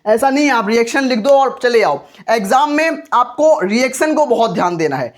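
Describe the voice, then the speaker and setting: A man teaching chemistry for a board exam. He keeps asking his own questions and answering them in a steady, repetitive call-and-response rhythm. His tone stays earnest and encouraging throughout. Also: extremely high pitch, moderate pace.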